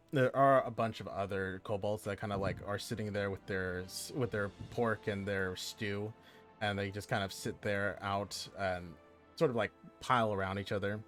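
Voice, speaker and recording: A man with a low voice narrates a tabletop game as game master. He rambles through descriptions with lots of fillers and self-corrections. Faint music plays in the background. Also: fairly bright tone. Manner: meandering, heavy use of fillers.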